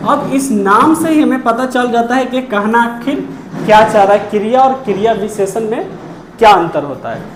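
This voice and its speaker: A woman with a slightly high voice teaches a grammar lesson in an echoey room. She keeps asking questions and answering them herself, and drags out key terms word by word for emphasis. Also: lively intonation, background noise. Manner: repeats key terms slowly.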